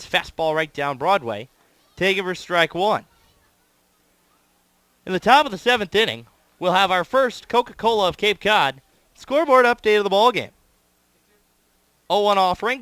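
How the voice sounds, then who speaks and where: A man's voice: sits high, normal speed, pauses often, sharp tone, no room sound. A man doing live baseball play-by-play commentary as the announcer, in clipped phrases, stretching words on big plays.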